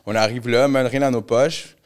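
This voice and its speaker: A Québécois man hosts a podcast and tells his stories in a lively, slangy way, with English words mixed into his French. His voice sits at a middle pitch. He sounds relaxed and chatty. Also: normal speed. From Canada. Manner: animated, slang-heavy, mixes English. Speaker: podcast host. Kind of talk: casual storytelling chat.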